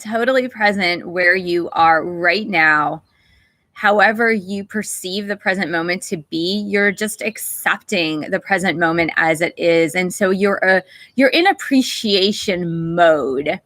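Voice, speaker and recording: Woman host of a spiritual livestream, bright, close dry sound, unhurried and gentle, welcomes chat viewers. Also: medium pitch, dry recording. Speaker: meditation teacher and channel host. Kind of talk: livestream talk before a guided meditation.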